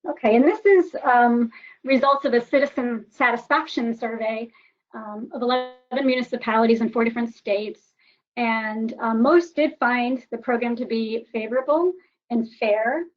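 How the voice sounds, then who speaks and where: A woman's voice: fairly high pitch, normal speed. A woman giving a webinar presentation with data slides, often hesitating with ums and restarts, her voice warbly over a computer connection. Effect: warbly voice through a computer connection. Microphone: computer microphone. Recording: dull, lo-fi computer audio.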